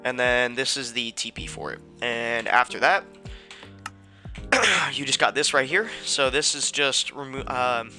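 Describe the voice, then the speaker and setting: A man's voice: medium pitch, expressive, a little slow, pushed and bright, faint music behind. A young man casually walking through a gaming tutorial, rambling with lots of fillers and sounding out of breath. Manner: rambling, filler-heavy, informal. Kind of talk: casual screen-recorded tutorial.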